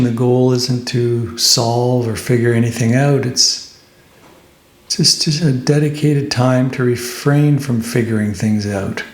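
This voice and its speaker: In a reverberant space, a man with a mid-range voice leads a guided meditation as a teacher. He speaks gently and without hurry, leaving pauses between phrases.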